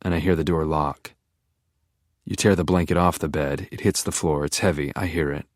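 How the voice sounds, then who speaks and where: A man's voice: a bass voice, steady tone, moderate pace, dry recording, clean studio sound. A man narrating an audiobook in the first person, with an intense, brooding inner-monologue manner.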